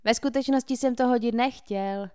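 A woman voicing a big, reckless teenage boy who talks in a slow, whiny drawl in an audiobook. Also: on the high side, a little mellow, clean tone, no room sound, clean studio sound, voice pushed up, natural voice.

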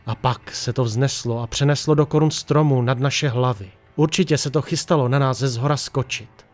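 A man narrating a horror story in a tense, hushed storytelling manner. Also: medium pitch, soft background music.

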